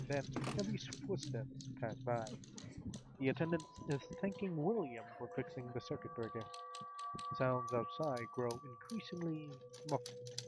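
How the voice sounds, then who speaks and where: A man's voice: medium pitch, heavy background noise. A man streaming a mystery game, reading its narration aloud in a casual way, with offhand swearing and muttered asides.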